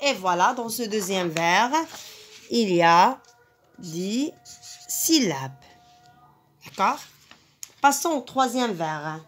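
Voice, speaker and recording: A woman teacher walks a class through a poem. She speaks very slowly and carefully, at a middling pitch, and leans on each syllable as she counts it out. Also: expressive, soft background music. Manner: slow, deliberate, stresses each syllable. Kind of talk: reading lesson on poetry.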